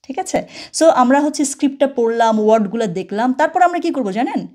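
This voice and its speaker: A woman's voice: high-pitched, lively intonation, a little fast, a little mellow. A woman teaching a language lesson over a screen share, chatty, slipping into English phrases and repeating words after the audio.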